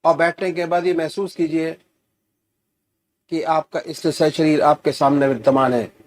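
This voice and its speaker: A man giving gentle, soothing guided meditation instructions as a spiritual teacher. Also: fairly high pitch, little pitch movement. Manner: slow, gentle, soothing guidance with rising emphasis.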